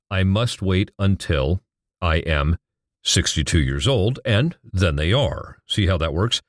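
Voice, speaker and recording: A middle-aged financial educator with a low-pitched voice explains how retirement accounts are taxed, in a dry, clean studio recording. He speaks emphatically, posing rhetorical questions and answering them himself.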